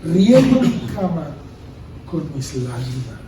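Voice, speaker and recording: A man's voice: on the high side, big pitch swings, slow pace, very echoey, distant mic, background noise. A man preaching a sermon, building emphasis and asking rhetorical questions. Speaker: pastor.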